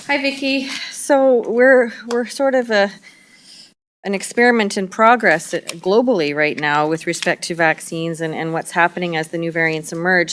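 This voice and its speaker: Smooth-voiced woman health official. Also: on the low side, fairly bright tone. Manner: measured, with frequent fillers. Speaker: public health doctor. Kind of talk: press briefing answers.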